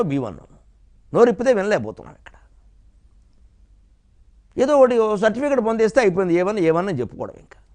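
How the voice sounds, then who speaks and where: An older man lecturing on spiritual matters, his voice sitting a little high for a man. He moves between storytelling, quoted voices and slow chanted verse. He chuckles often as he speaks. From Godavari region, Andhra Pradesh. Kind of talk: Telugu discourse lecture.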